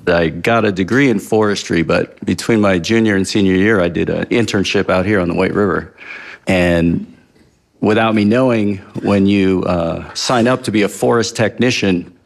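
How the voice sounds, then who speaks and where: A man's voice: low voice, moderate pace, creaky. A man in his fifties, a wildfire expert, answering interview questions plainly and candidly.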